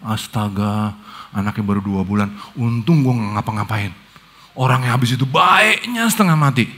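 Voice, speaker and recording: A middle-aged pastor with a Jakarta accent, preaching a casual youth sermon in slangy storytelling, dropping to low murmurs and jumping to high excited bursts. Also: male voice, moderate pace.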